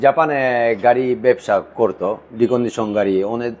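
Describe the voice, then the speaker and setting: Man, Japanese accent, foreign learner's broken Bengali, halting short phrases, car dealer, medium pitch. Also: a little mellow. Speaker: car dealer, showroom owner. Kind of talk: unscripted car showroom presentation.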